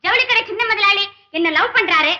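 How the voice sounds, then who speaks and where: A woman's voice: very high-pitched, brisk, bright, forceful tone, exaggerated voice. An actress playing a naive, chatty young woman, a clerk's daughter, in a 1960s film comedy. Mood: chirpy. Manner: artless, chirpy. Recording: dull old film soundtrack.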